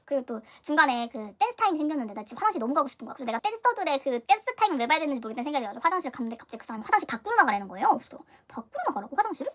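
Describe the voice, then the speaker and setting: A young Korean woman telling a story in a casual vlog, animated and dramatic, acting out her own reactions. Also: sits high. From South Korea. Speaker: vlogger. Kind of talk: casual storytelling concert review.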